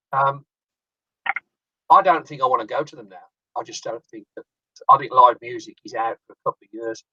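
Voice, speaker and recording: A man talking over a video call that keeps breaking up, speaking in a halting way with restarted sentences in casual chat. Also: mid-range voice, pushed and bright, no room sound, lo-fi sound. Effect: video call audio that breaks up.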